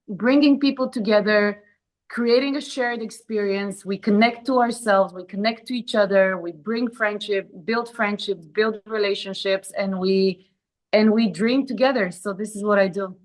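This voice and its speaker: A woman from Bulgaria talks as an interview guest, pitched in the middle of the range. She hesitates often and fills pauses with ums as she restarts her sentences. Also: low-quality recording. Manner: hesitant, many fillers and restarts. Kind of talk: casual interview talk.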